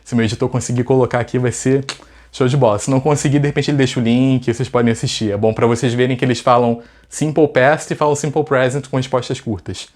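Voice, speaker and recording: A man's voice: mid-range voice, fairly even intonation, quick pace, a little mellow. A man with a Brazilian accent teaching English in a casual video lesson, chatty and full of rhetorical questions. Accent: Brazilian Portuguese.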